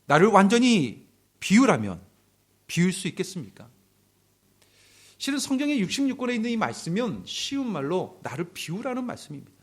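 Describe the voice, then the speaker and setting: Husky, lively Korean pastor preaching. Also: male voice, high voice, a little fast. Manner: animated, acts out quarrels in quoted voices; drops to near-whispers for emphasis. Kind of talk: sermon. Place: church hall.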